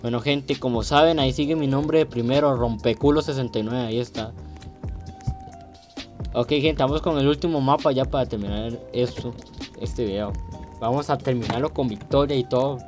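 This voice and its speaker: Man, casual gameplay commentary, teasing, sudden loud outbursts. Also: medium pitch, moderate pace, over music. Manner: joking, teasing, bursts into shouts when losing. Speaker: gaming youtuber.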